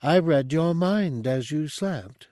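A man's voice: on the high side, animated, takes it slowly, warm tone, dry recording, clean studio sound, pitched above the performer's own voice. A man voicing a telepathic spider monk. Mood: persuasive. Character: calm telepathic spider-bodied male monk, persuasive.

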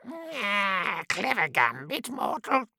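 A man's voice: sits high, huge pitch swings, takes it slowly, vocal fry, bright, forceful tone, no room sound, studio quality, voice pushed up, full character voice. A man voicing an ancient, scornful two-headed male daemon whose heads bicker in a mocking, menacing way. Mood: mocking menace.

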